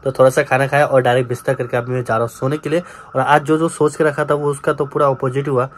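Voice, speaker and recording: A man's voice: mid-range voice, level tone, fast talker, slight background noise. A young man chatting casually on his vlog, joking and laughing with the people around him outdoors at night. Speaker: vlogger.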